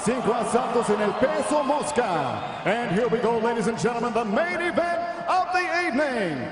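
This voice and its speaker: A man working as a bilingual ring announcer in lucha libre style, booming like a showman and drawing out names. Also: sing-song, normal speed. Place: large indoor arena. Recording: echoey arena PA, long reverb, loud crowd.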